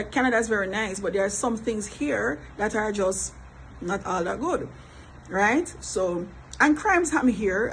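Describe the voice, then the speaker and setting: A middle-aged Jamaican mother vlogs in a chatty way, repeating herself and laughing often during casual talk. Her voice is medium-pitched. The audio is poor, with a little hiss or hum.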